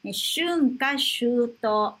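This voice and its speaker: A woman teaching a language lesson, slowly and patiently repeating each word for her learners. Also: fairly high pitch, lively intonation, fairly bright tone, husky.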